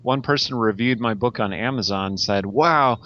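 A man's voice: fairly low pitch, fairly quick, fairly bright tone, muffled recording. A man, a novelist guest, chatting casually on a podcast with lots of ums and a self-deprecating humor.

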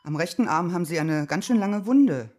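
A brisk hospital nurse giving a patient instructions. Her pitch is lowish but swings widely. It is a short radio-play role. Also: expressive, darkish tone. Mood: instructive. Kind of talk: German radio play acting.

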